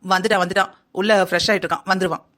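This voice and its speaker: Figure: caring mother, cartoon voiced by a woman. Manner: motherly, advising. Pace: very fast. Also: mid-range voice, fairly even intonation, fairly bright tone, close to an everyday voice. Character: caring middle-aged mother. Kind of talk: cartoon story voice acting.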